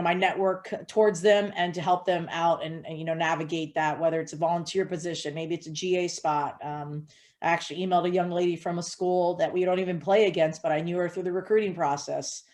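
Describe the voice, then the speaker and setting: A woman from Hawaii, a head college softball coach, answering interview questions in an earnest, steady way with frequent fillers. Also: lowish voice.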